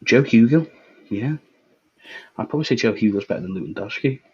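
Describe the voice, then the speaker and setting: A man's voice: fairly low pitch, lively intonation, brisk, a little mellow, husky. Laid-back man on a dull mic. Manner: laid-back, jokey, trails off. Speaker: co-host. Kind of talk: casual football chat.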